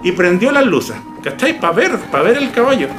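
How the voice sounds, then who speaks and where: A Chilean man casually telling a personal ghost story, lively and full of slang, imitating sounds as he goes. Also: high voice, normal speed, music in the background. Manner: animated, imitates barks and hoofbeats, slangy. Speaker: YouTuber telling ghost stories.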